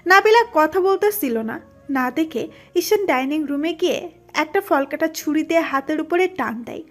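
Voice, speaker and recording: A woman narrating a romantic audio story in a steady, dramatic manner. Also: high-pitched, normal speed.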